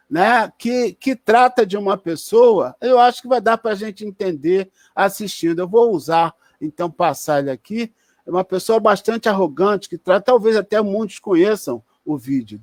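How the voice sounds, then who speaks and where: A man's voice: high voice, a little mellow, no room sound, studio quality. A man with a Brazilian Portuguese accent giving an online spiritist lecture in a conversational, explanatory way, with restarts and tag questions.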